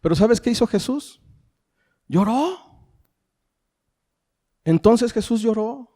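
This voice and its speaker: A man's voice: extremely high pitch, normal speed, dark tone. A middle-aged man with a Mexican accent preaching a sermon, asking the congregation rhetorical questions and calling them family. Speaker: pastor. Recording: long hall reverb.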